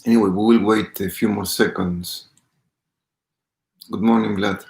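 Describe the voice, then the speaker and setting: A meditation teacher, a man with a low voice and a gravelly edge, talks calmly and without hurry. He greets the people joining and eases into the session. The sound is roomy, with plenty of echo around him. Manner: calm, unhurried, greets viewers by name. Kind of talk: live-streamed guided meditation talk.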